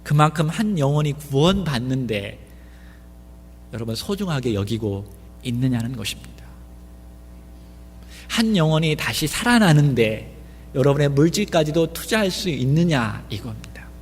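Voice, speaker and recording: Male pastor, fairly high voice, preaching a sermon with many questions to the congregation, long hall reverb. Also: big pitch swings, normal speed, long pauses, a little hiss or hum. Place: church sanctuary.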